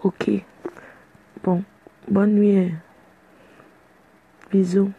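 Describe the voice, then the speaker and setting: A woman's voice: medium pitch, little pitch movement, extremely slow, warm tone, slightly rough, dull audio. A woman chatting casually to her fans in a playful, boastful way. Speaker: social media personality addressing fans. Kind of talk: casual live video chat.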